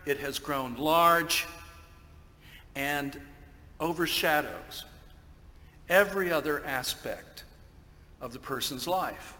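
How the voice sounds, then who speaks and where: Slow, bright-voiced preacher in a reverberant church. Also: male voice, a little high. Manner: slow, deliberate storytelling. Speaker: pastor. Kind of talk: sermon.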